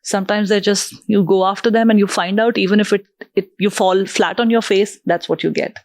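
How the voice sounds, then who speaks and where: A woman's voice: mid-range voice, steady tone, brisk, a little mellow, no echo, clean studio sound. A woman hosting a podcast, asking friendly, probing questions and laughing often. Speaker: podcast host. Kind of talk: interview.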